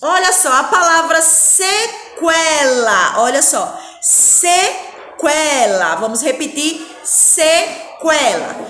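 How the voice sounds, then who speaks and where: High-voiced patient teacher in echoey room. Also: female voice, pushed and bright, a little hiss or hum. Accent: Brazilian Portuguese. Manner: slow, patient, spells out sounds; keeps asking the children for agreement. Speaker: primary school teacher. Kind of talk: recorded classroom lesson.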